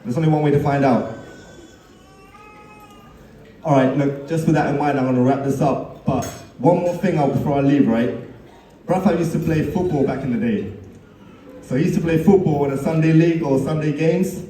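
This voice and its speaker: A man's voice: on the high side, normal speed, long pauses, mellow, a little hiss or hum. Joking best man in an echoey hall. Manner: teasing storyteller, laughs at his own jokes. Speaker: best man giving a wedding speech. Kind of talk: joking wedding speech. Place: wedding reception hall. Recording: echoey hall, mic at a distance.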